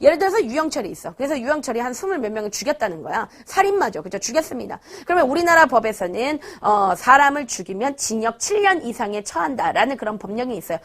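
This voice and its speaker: A young woman teaching a middle school social studies lesson, lively and playful, acting out quotes with sudden shouts. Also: fairly high pitch, fast talker, few pauses. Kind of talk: energetic video lecture.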